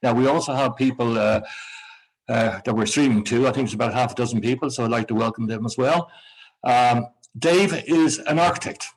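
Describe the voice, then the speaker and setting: A man's voice: medium pitch, brisk, husky, poor audio. A man opening an evening talk as chair, introducing the speaker in a chatty way with light humor. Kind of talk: formal event introduction. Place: lecture room with live audience.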